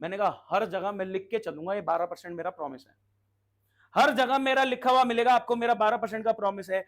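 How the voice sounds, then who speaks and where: A man's voice: sits high, quick pace. A man teaching commerce in a classroom lecture, who drills his students to call out answers and keeps asking if they follow. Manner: asks frequent check questions. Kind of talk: classroom lecture in Hindi mixed with English terms.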